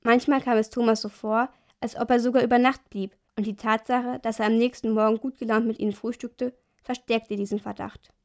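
A woman reading a story aloud in a calm, even storytelling manner. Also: fairly high pitch. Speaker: audiobook narrator. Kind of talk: scripted storybook narration.

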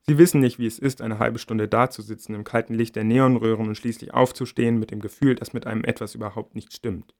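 A man narrates a novel in the first person as an audiobook reader. His voice sits at a middle pitch, and his reading stays measured, quiet and intimate. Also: fairly even intonation, creaky.

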